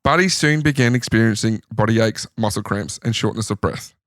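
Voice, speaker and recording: An Australian podcast co-host casually recounts trivia stories from his notes. He talks fairly quickly in a fairly low, fairly bright voice, captured in studio quality with no echo.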